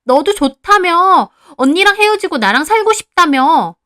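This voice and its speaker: A woman voicing a tearful, defiant young woman who shouts back in a shrill voice. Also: big pitch swings, moderate pace, exaggerated voice.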